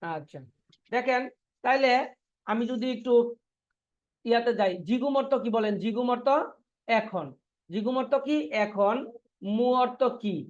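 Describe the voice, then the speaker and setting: A man's voice: very high-pitched, measured pace, pauses often, muffled recording. A man teaching a Korean language class online, drilling students by asking the same questions over and over and answering them himself. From Bangladesh.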